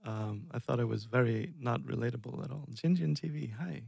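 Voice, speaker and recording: Speaking briskly in a mid-range voice that's gravelly, slightly rough and a little mellow, an Icelander in his thirties rambles casually on a music live stream. He often chuckles and runs himself down, talking into a headset in a dark room with no room sound.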